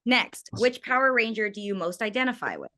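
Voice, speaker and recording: Animated woman podcast co-host. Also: a little high, dry recording, clean studio sound. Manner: bubbly, quick joking asides. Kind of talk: casual podcast chat.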